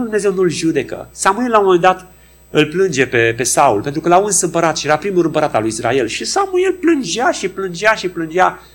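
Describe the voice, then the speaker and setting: Animated male preacher, lively pitch. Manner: animated, acts out quoted dialogue in shifting voices. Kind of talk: sermon.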